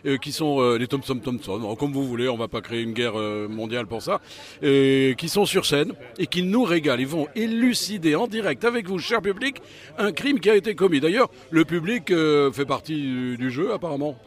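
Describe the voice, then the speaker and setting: A man's voice: on the high side, lively intonation, normal speed. A man interviewing two performers, chatty and jokey, with plenty of fillers and wordplay. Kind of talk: casual street interview.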